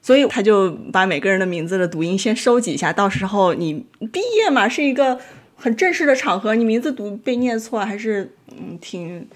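Casting note: woman, startup founder guest, chatty and thoughtful, mid-pitched voice. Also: lively intonation, brisk. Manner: thoughtful, explains step by step. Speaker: guest, design tool founder. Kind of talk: casual podcast conversation. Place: North America.

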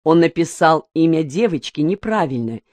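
A woman's voice: low-pitched, no room sound. Woman narrating a novel, dry close mic. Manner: even, measured storytelling. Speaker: audiobook reader.

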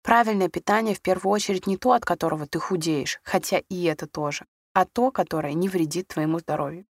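A woman reading a story aloud in a measured, expressive storytelling manner. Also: on the low side, no echo, studio quality. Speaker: narrator. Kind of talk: scripted audiobook narration.

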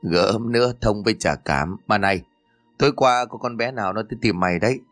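A sharp-tongued middle-aged mother rattles off quick, nagging scolds, voiced by a man. The voice stays fairly low and plain. Soft music sits faintly behind this horror audio story. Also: no room sound, natural voice. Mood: scolding.

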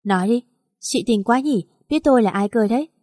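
A woman's voice: on the high side, brisk, warm tone, dry recording, clean studio sound, lightly acted. A woman voicing a scheming, contemptuous young mistress in an audio story, with a mocking tone. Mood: scornful.

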